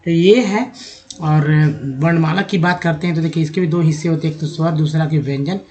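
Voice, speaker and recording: A man with a slightly higher than usual voice teaches an English lesson, stretching out letter sounds one by one. He works through word lists in a steady, explanatory way, calling his viewers friends as he goes. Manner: slow, drawn-out spelling and sounding out of words.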